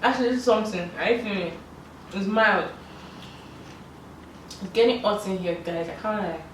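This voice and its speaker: A woman's voice: medium pitch, normal speed, fairly bright tone. Echoey woman, mouth burning from spice. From Africa. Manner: playful, exclaiming, giggly. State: mouth burning from spicy food. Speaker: vlog host. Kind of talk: casual challenge chat. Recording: very echoey, distant mic, faint noise.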